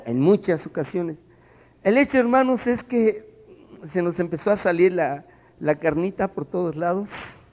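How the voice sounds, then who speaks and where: Mexican male pastor, high voice, emphatic sermon, church hall reverb. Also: unhurried. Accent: Mexican Spanish. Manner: emphatic preaching, swings from loud to hushed. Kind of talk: sermon with a personal story.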